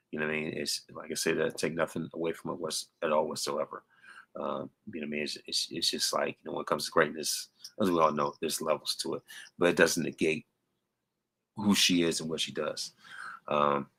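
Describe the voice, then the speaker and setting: Very deep gravelly rambling man. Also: pushed and bright, low-quality recording. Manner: rambling, many fillers and restarts. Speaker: wrestling commentator. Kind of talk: casual wrestling recap.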